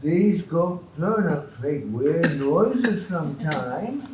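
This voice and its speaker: A man's voice: fairly high pitch, animated, extremely slow, a little mellow. A man performing a role in a community stage show, easygoing and jokey. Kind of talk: community stage opera acting. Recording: roomy stage sound from far off.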